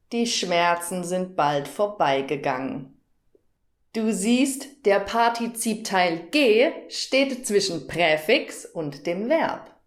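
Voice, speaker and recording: Slow, deliberate woman teaching, echoey room. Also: medium pitch. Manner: slow, deliberate, stressing syllables to demonstrate; addresses the learner directly. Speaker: German teacher. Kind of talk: grammar lesson for learners. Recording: roomy echo.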